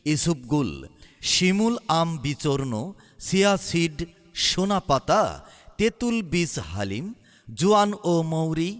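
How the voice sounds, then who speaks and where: A man from Bangladesh calls out a shop advertisement over a PA loudspeaker, stretching his words into a sing-song list of goods. His voice sits a little high and comes through smooth and resonant. A long reverb trails after every phrase. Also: big pitch swings. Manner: drawn-out, sing-song announcer listing of goods. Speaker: shop announcer.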